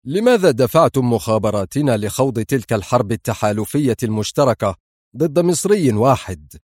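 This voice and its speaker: A man's voice: medium pitch, quick pace, mellow, no echo, clean studio sound, lightly acted. A man voicing a stern, angry male head of state in an audiobook, speaking with force. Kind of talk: audiobook character voice.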